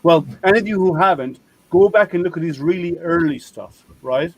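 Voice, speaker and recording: A man's voice: on the high side, normal speed, muffled recording. An Irish man hosting a casual group video call, chatting in a rambling way that keeps interrupting itself. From Ireland. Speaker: host.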